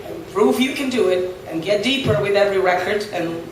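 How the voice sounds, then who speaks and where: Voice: mid-range voice, a little fast. Serbian-accented guitarist, echoey and distant. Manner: thoughtful, many fillers and restarts. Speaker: blues guitarist. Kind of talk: casual interview answer. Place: on a boat. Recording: echoey, far from the mic, faint noise.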